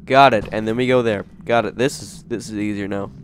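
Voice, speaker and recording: A man hosting a gaming channel, giving jokey, excitable let's play commentary and talking to himself. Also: lowish voice, fairly quick.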